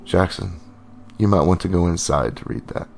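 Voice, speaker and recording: A man voicing an arrogant male wizard in his sixties who speaks in a lofty, measured tone. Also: deep voice, creaky, darkish tone. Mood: guarded.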